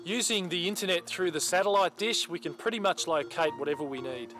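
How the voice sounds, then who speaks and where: A man's voice: sits high, fairly quick. An Australian man in his thirties hosting a road-trip travel show, chatty and enthusiastic, laughing often. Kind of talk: upbeat travel show presenting. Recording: loud background music.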